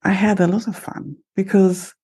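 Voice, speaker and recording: Speaking directly to her listeners in a solo podcast monologue, this middle-aged Italian-accented life coach sounds upbeat and proud of herself. Her mid-range voice is level and dark-toned with a breathy edge, at a moderate pace.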